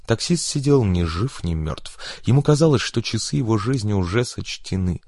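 A man reading an audiobook with steady, scripted narration. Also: on the low side, normal speed, no room sound, clean studio sound.

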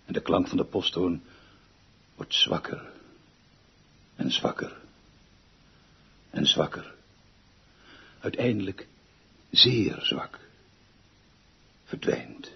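The character is a music director who's pompous, obsessive and theatrical, haunted by a lost half-sister, voiced by a man in a radio drama who declaims grandly and repeats words for emphasis. Heavily acted, his low, breathy-edged voice swings widely in pitch, going very slowly with frequent pauses, in a wistful, brooding mood. Music sits in the dull lo-fi radio recording of this theatrical performance.

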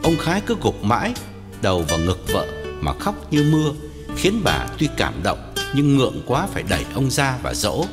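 A man narrating a story as an audiobook reader, expressive and swinging his pitch. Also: normal speed. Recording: long hall reverb, guitar music behind.

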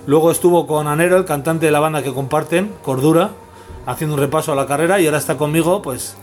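A man's voice: on the high side, fast talker. A man in his forties with an accent from Spain, hosting a casual music podcast, rambling and swearing freely. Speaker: podcast host.

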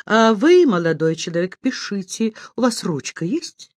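A woman's voice: mid-range voice, very animated, normal speed, darkish tone, no echo, studio quality, natural voice. A woman reading an audiobook voices a spiteful middle-aged male artist who speaks curtly and dismissively. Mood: insistent. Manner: curt, hissing, dismissive.

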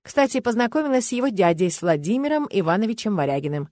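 A woman reading an audiobook, voicing a calm, careful young woman who asks measured questions. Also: medium pitch, no room sound, studio quality, close to an everyday voice.

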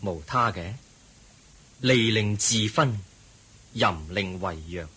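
A man with a Hong Kong Cantonese accent playing the Buddha as a calm, gentle and wise teacher in a radio drama. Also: lowish voice, breathy edge, heavily acted. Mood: calm counsel. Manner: gentle, measured, preaching.

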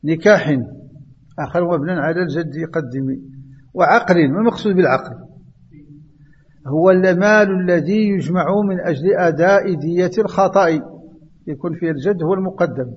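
A man's voice: high-pitched, fairly quick, long pauses, breathy edge. A man with a Moroccan accent teaching a class on inheritance law. He questions his students, quotes verse and often restarts his words. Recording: echoey, muffled lecture hall recording.

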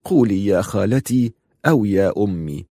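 A man voicing a calm, wise older noblewoman in an audiobook, speaking slowly in a lowered voice. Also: slightly rough, no room sound, studio quality. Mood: firm.

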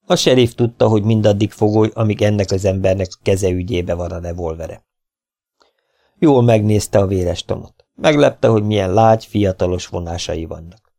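A man narrating an audiobook in a steady, even storytelling manner. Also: fairly low pitch, creaky.

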